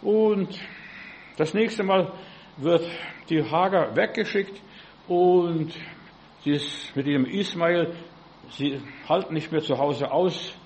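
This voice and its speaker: A man's voice: fairly high pitch, slow, pauses often, darkish tone, slight background noise, low-quality recording. A male preacher giving a sermon, peppering his talk with "ja" and asking his listeners direct questions. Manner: acts out biblical voices in quotes.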